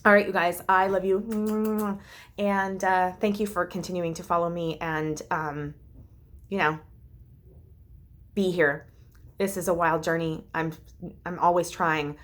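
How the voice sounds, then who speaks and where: A woman's voice: fairly low pitch, steady tone, a little slow, long pauses. A woman vlogging a heartfelt, rambling personal update, full of fillers and restarts and close to tears at times. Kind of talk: casual vlog update.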